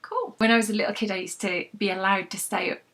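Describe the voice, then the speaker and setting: A British novelist hosts a read-along vlog, chatting casually with her followers and reading from a book, full of anecdotes and self-deprecating humor. She talks fast in a steady, medium-pitched voice that's a bit bright.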